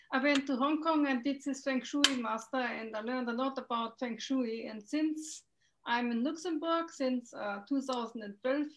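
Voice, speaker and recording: High-voiced woman with a German accent. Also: a little slow, heavy background noise. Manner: hesitant, searching for words with many ums. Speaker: guest, feng shui consultant. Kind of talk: video call interview. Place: home room with window. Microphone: video call. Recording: dull lo-fi video call audio.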